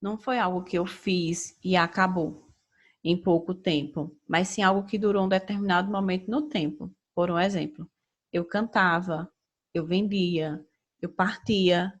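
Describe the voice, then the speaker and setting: A woman's voice: on the low side, steady tone, lo-fi sound. Woman teacher explaining grammar step by step. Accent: Brazilian Portuguese. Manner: measured explaining, checks in with "tá certo?". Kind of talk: recorded grammar lesson.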